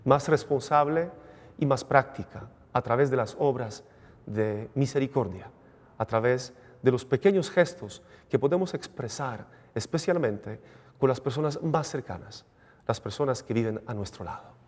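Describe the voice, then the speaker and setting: Priest praying solemnly in cathedral echo. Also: male voice, medium pitch, animated, moderate pace, darkish tone. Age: middle-aged. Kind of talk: solemn liturgical prayer and preaching. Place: indoor chapel, at altar and lectern. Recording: long cathedral-like echo, reverberant chapel.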